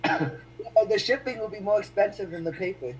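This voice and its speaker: A man's voice: high-pitched, fairly quick, a little hiss or hum, low-quality recording. A man on a casual stock-market live stream who explains things step by step.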